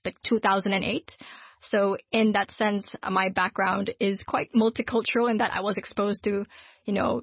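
Twenties woman from Hong Kong as interview guest; relaxed, filler-heavy, dry lo-fi broadcast. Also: medium pitch, slightly rough, no room sound. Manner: relaxed, with fillers like "so" and "you know". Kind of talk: casual interview talk. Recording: dull lo-fi radio broadcast.

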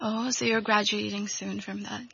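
A woman's voice: mid-range voice, little pitch movement, moderate pace, vocal fry, fairly bright tone, slightly rough, no echo. A woman hosting a community interview show, greeting listeners and her guest in an upbeat, encouraging way. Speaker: podcast host. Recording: dull lo-fi audio with music behind. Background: music.

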